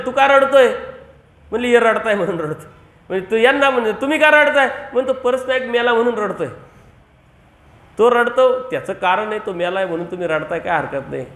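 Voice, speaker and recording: A man's voice: on the high side, a bit bright. A male Marathi preacher giving a devotional sermon, asking the audience rhetorical questions and repeating key phrases for emphasis. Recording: echoey room.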